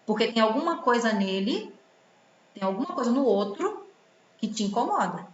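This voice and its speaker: A woman's voice: fairly high pitch, normal speed. A woman giving relationship advice in a commented reading, full of rhetorical questions and acted-out quotes. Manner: expressive, rhetorical questions, acts out quoted voices. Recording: roomy, slightly dull sound with faint background noise.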